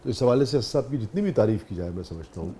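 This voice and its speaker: A man's voice: mid-range voice, expressive, dark tone, breathy edge. A man with a Pakistani Urdu accent hosting a talk show, affirming his guest often and asking questions with admiration. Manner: attentive, frequent affirming murmurs, admiring.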